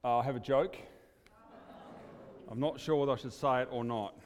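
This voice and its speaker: A man's voice: medium pitch, moderate pace, darkish tone. A man preaching at a church service, chatty and hesitant with many fillers, his voice ringing with a long church reverb like a cathedral. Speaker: guest preacher. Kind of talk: sermon with storytelling.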